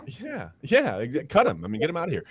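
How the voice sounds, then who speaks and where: A man's voice: on the high side, wildly swooping pitch, fast, fairly bright tone. Emphatic male sports podcast co-host. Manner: emphatic, repeats words when worked up. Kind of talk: casual sports podcast chat.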